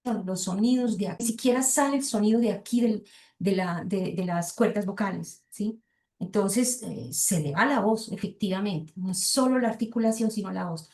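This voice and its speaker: A woman's voice: mid-range voice, normal speed, darkish tone, echoey room. A middle-aged woman with a Colombian Spanish accent giving an academic lecture, reading passages aloud and thinking aloud with frequent hesitations and rhetorical asides to her listeners.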